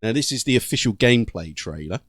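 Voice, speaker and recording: A man's voice: mid-range voice, animated, fast talker, fairly bright tone, dry recording, studio quality. A British man hosting a gaming channel, giving casual, slangy reaction commentary in an informal way. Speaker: YouTube gaming channel host.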